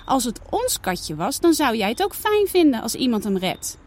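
A woman's voice: on the high side, sing-song, normal speed, pitched above the performer's own voice. A woman voicing Saar, a caring, sensible young girl in a read-aloud storybook, talking eagerly and earnestly.

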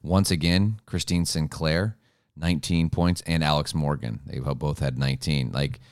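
A man's voice: very deep voice, fairly even intonation, moderate pace, dry recording, clean studio sound. A man co-hosting a sports podcast, chatting casually and teasing his co-host in an easygoing way.

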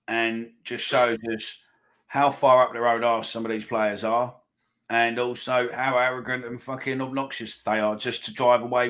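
A man's voice: medium pitch, fairly bright tone. Blunt male podcast host. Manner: blunt, sweary. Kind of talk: casual podcast chat.

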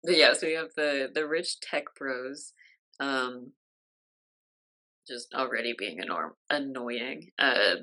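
Brief: woman co-host, deep voice with a bright edge, chatty, filler-heavy, laughs a lot. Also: slow. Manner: says "like" constantly, laughs often, quotes characters. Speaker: podcast co-host recapping a film. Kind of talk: casual chat.

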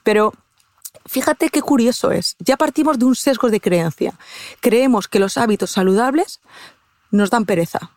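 A woman from Castilla-La Mancha with a Spanish accent, a guest in a podcast interview, explaining calmly with many fillers and restarts. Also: on the high side, moderate pace, dry recording. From Castilla-La Mancha, Spain. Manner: explanatory, frequent "eh" fillers and restarts, addresses host directly. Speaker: guest expert on habits. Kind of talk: conversational interview.

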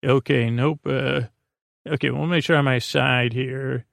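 A sleep podcast host with a creaky voice of medium pitch wanders through a bedtime monologue, stammering, hesitating, and repeating words. His tone is steady and a touch bright. The studio sound is clean, with no echo.

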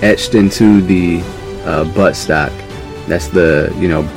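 Deep-voiced man telling a lively story. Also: takes it slowly, music in the background. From New York. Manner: animated, acts out quoted voices, laughs mid-story. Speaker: podcast guest. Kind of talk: casual storytelling.

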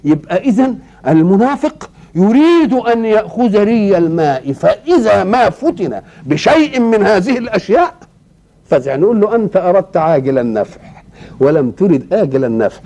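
Older Egyptian preacher, high-pitched voice. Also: male voice, very animated, brisk, mellow. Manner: explanatory, asks rhetorical questions and answers them. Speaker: Quranic exegete. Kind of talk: religious lesson, Quran commentary.

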